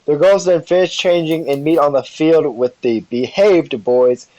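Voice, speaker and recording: A man's voice: fairly high pitch, measured pace, warm tone, dry recording. A man casually narrating a fan-fiction story over a voice call, rambling with fillers and asides. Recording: dry, dull lo-fi call audio.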